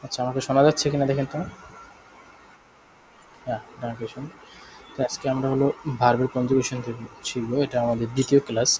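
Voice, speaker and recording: A man with a Bangladeshi Bengali accent teaching a live online German class, explaining slowly, repeating himself and often checking that students follow. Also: mid-range voice, flat delivery, darkish tone, a little hiss or hum, low-quality recording.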